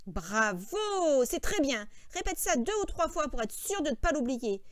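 A woman's voice: high voice, lively intonation, normal speed, smooth, no room sound. A woman reading an audiobook, voicing a short-tempered grown man who scolds and orders his companion about. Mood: instructing, scolding. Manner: scolding, sharp, impatient. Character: irritable, bossy adult male farmhand, short-tempered.

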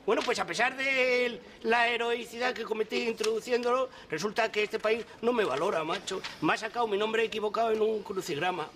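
A middle-aged man with a Spanish accent in a sitcom, pompous and indignant, quick to raise his voice. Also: sits high, fairly bright tone, a little hiss or hum. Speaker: sitcom character, grown son. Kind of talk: sitcom acting.

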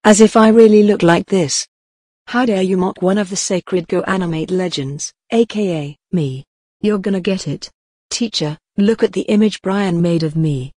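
A synthetic female voice playing an indignant, easily outraged pupil in an animated video. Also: lowish voice, moderate pace, husky, no echo, studio quality. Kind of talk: animated school video dialogue.

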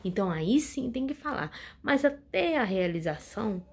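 A woman's voice: a little high, very animated, normal speed, slightly rough. A woman hosting her channel, giving a casual inspirational talk to her viewers and repeating words for emphasis. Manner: warm addresses to the audience, repeats words for emphasis. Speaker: channel host.

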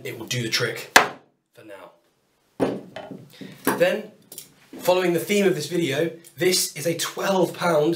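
A British woodworking YouTuber in his thirties, his voice on the high side and fairly bright, walks through his tools to camera in a casual, upbeat, self-deprecating chat. He's in a small indoor home workshop, and the distant camera mic gives a roomy sound with his voice off-mic.

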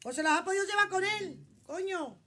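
High, bright-voiced Spanish shopkeeper woman. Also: animated, a little fast. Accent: Spanish from Spain. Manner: chatty, exclamatory, reads out viewer comments, swears casually. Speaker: shop owner selling clothes on a live stream. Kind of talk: casual live-stream selling chat. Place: clothing shop.

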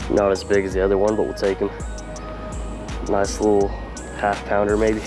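A man with a slightly creaky voice chatting casually and in slang to viewers as he hosts a fishing vlog outdoors. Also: fairly low pitch, monotone, normal speed, music in the background. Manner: laid-back, slangy, talking to viewers. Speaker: fishing vlogger and host. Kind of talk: casual chat while fishing. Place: outdoors by a small pond.

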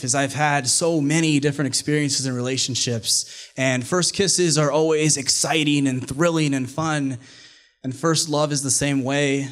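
A young man in his twenties tells a personal story on a small stage, close to a stand microphone. His delivery is wry and self-deprecating, and he sets up lines for laughs. His voice sits at a middling pitch for a man. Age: 20s. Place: small stage venue, indoors. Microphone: stand mic at mouth.

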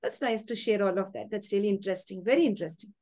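Quick-talking woman host with a Tamil accent. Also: medium pitch, a little mellow. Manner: polite, encouraging. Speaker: talk show host. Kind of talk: conversational interviewing. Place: indoors, video call.

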